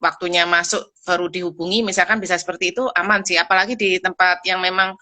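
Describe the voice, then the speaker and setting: Bright-voiced woman explaining as guest expert. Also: fairly low pitch, steady tone, quick pace. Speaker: guest expert, pediatric dentist. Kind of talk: informal expert interview answers. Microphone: live video call.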